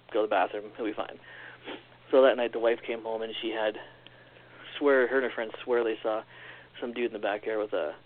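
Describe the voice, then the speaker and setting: A man tells a string of uncanny stories in a fast, loose, conversational flow. He slips into the voices of the people he quotes along the way. The sound is narrow and tinny, like a phone call. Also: fairly low pitch. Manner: animated, quick storyteller acting out quoted lines. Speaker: podcast guest. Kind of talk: casual storytelling.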